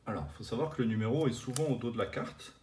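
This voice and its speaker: A man's voice: medium pitch, fast talker, a little mellow, a little hiss or hum. A man hosting a video, casually explaining collecting terms while showing cards, with lots of fillers and restarts. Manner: chatty, many fillers and restarts. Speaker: card collecting channel host.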